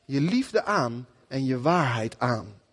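A man preaching a sermon in a lively, conversational way, often acting out the people he quotes. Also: medium pitch, slow pace, husky, long reverb tail.

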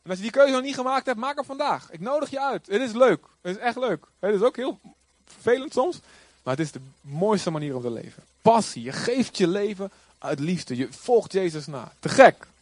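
A male pastor preaching a sermon with passion, rising now and then to loud cries. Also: high-pitched, lively intonation, moderate pace, dry recording.

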